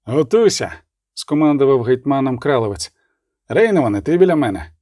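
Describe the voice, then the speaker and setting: A man reads a historical novel aloud in a dramatic audiobook style, his voice lifting and falling widely as he acts out commanders' shouts. The recording is dry and close, with no room around it. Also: mid-range voice, brisk, dry recording. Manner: expressive, voices the characters' lines with rising intensity. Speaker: audiobook narrator.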